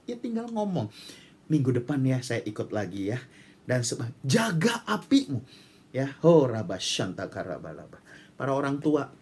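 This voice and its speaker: A male pastor with a medium-pitched voice preaches with fervent, animated exhortation, breaking into bursts of prayer in tongues. There's a slight hiss or hum in the recording.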